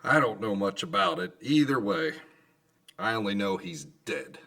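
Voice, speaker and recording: An actor playing an indifferent, greedy businessman with a gravelly drawl in an old-time radio drama. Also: on the low side, expressive, normal speed, sharp tone, recorded from a distance.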